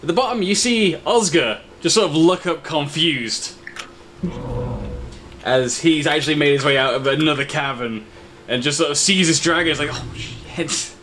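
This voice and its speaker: A man acting as game master, telling an improvised tabletop adventure in short, halting, descriptive phrases. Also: a little high, a bit bright. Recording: faint background noise.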